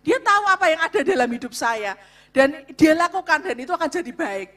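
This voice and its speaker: A woman speaking to a church congregation about marriage, loud and emphatic, often turning to address the audience. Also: sits high, very animated, fairly quick. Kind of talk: sermon-style talk to a congregation.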